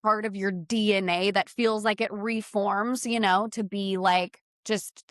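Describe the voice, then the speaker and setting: This podcast co-host is a thirty-something woman whose mid-range voice moves at a measured pace, recorded in a clean studio with no echo. Her storytelling is rambling and casual, full of restarted sentences, and she gets animated whenever she quotes other people.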